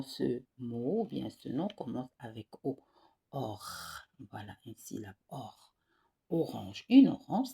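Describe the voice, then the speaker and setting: A woman teacher giving a reading lesson to young pupils, slow and patient, spelling out syllables and repeating each word. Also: rumbling low, vocal fry, warm tone, husky.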